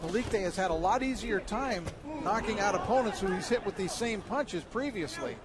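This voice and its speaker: High-voiced male boxing commentator over crowd noise. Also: lively intonation, normal speed. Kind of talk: live sports commentary. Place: ringside at a boxing arena. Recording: noisy arena, loud crowd behind.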